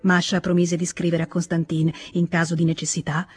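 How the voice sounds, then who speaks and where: An Italian audiobook narrator reading a novel aloud in measured, even storytelling. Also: mid-range voice, breathy edge, faint music behind.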